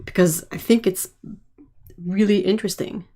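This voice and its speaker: While painting on a casual livestream, a woman chats and responds to viewer comments in a mid-range voice at normal speed. At times she drops to a soft, quiet tone.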